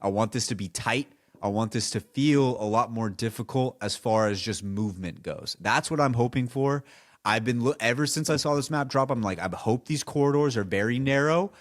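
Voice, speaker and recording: A relaxed man leading a casual gaming podcast chat, mid-pitched and unhurried. He rambles a little and circles back to repeat his points. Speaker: podcast host.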